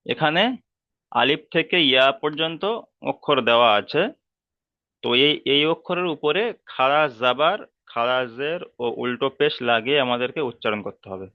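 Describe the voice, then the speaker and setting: A man with a Bengali accent teaching a slow, step-by-step reading lesson, patiently repeating each term and drawing out each sound. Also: mid-range voice, no echo, lo-fi sound.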